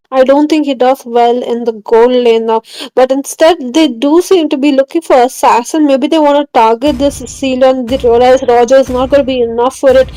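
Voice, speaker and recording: A woman's voice: high voice, mellow, dry recording, low-quality recording. A woman commentating a live esports match, chatty and thinking aloud about the draft. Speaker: esports caster.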